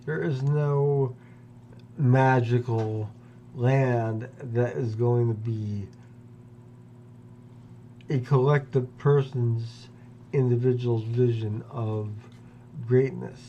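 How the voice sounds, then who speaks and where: A man in his fifties from Pennsylvania, speaking a slow, deliberate personal monologue with long pauses. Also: mid-range voice, fairly even intonation, warm tone, dull audio, a little hiss or hum. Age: 50s. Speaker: vlogger.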